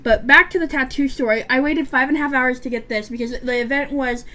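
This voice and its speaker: Doing her makeup, a roughly twenty-year-old beauty vlogger rambles chattily with frequent fillers and restarts. Her voice sits high and bright, fairly quick and forceful, and she speaks with a stutter and a lisp.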